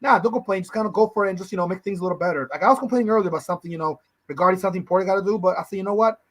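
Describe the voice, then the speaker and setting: A man with a high voice co-hosts a casual podcast and talks at a rapid clip. He rambles through his points and drops "bro" into nearly every thought. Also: low-quality recording. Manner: rambling, fast, says "bro" a lot. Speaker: podcast co-host. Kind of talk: casual chat.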